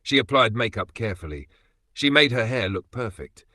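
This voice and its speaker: A man's voice: mid-range voice, very animated, normal speed, pushed and bright, dry recording, studio quality. A man narrating a dramatic story with an emotive storytelling manner.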